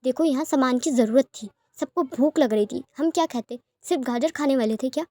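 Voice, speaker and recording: A woman voicing a practical young woman who looks after others and scolds briskly, in a storybook reading. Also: sits high, warm tone, dry recording, close to an everyday voice. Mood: scolding.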